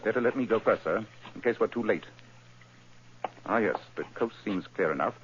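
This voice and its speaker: An actor playing Sherlock Holmes as a sharp, commanding detective, in crisp 1940s radio style. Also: male voice, fairly low pitch, background noise, lightly acted. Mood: calm. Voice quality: crisp, authoritative, brisk. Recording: muffled old radio broadcast.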